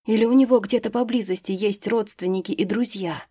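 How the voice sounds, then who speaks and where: A woman voicing a composed, curious male mage with measured, formal speech in an audiobook. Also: medium pitch, warm tone, slightly rough, dry recording, clean studio sound, natural voice.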